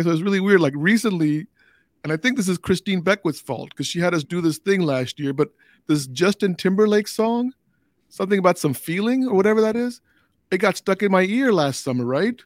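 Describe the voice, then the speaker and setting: A man's voice: high-pitched, animated, moderate pace, no room sound, studio quality. A middle-aged man hosting a podcast, asking loose, friendly questions. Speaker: podcast host. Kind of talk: casual interview chat.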